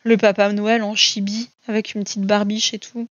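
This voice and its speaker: Brief: a chatty woman gushing over her books, mid-pitched voice, close dull home recording. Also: little pitch movement, normal speed, no room sound. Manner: chatty and gushing, frequent "euh" and repeats. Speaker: coloring book vlogger. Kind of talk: casual chat showing books.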